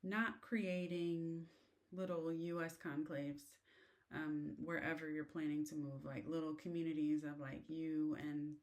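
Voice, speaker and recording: Sitting in a car, an American woman talks casually to the camera, rambling with lots of fillers as she shares advice on living abroad. Her voice is low and level, and she takes her time.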